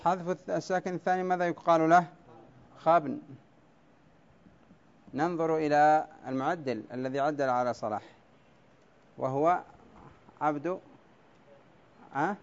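A male teacher in a classroom, going over poetic meter at the board, drawing words out slowly syllable by syllable and calling on students by name. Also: on the high side, highs cut off. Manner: quizzes students by name, brief praise. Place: classroom with a blackboard.

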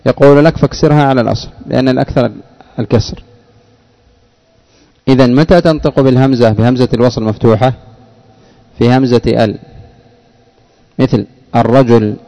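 A man's voice: medium pitch, dark tone, lo-fi sound. A man teaching grammar in a classroom, explaining rules and quizzing students by name. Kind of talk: classroom lesson with questions to students.

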